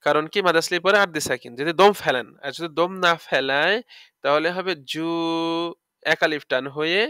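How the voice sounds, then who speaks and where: A man's voice: a little high, a little fast, sharp tone, clear, resonant tone, dry recording, studio quality. A man teaching Quran recitation, spelling out letters one by one and stretching out the words as he recites, often checking that listeners follow. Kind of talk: tajweed lesson, explaining and demonstrating recitation.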